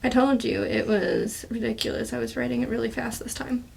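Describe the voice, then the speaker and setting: A woman hosting a casual podcast, telling animated stories about her kids. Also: a little high, fairly quick, creaky, husky. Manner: animated, laughing storytelling. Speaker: podcast host, mother.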